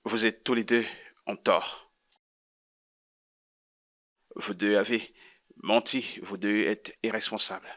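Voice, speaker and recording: Moralizing counselor in a dubbed drama; low, bright, measured. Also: male voice, steady tone. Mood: preachy. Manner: measured, sermonizing. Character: moralizing male counselor, calm and preachy. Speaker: marriage counselor.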